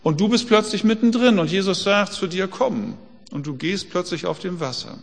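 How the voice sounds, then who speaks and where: A man's voice: high voice, a little fast, big-room sound. A man preaching a sermon in a conversational way, full of rhetorical questions.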